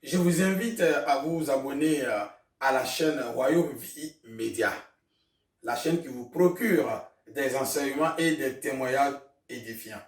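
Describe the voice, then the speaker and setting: Recorded far from the mic in a roomy space, a pastor from Burkina Faso whose native language is Mooré shares his testimony in an interview. His mid-range voice keeps a measured pace, hesitant and heavy with fillers.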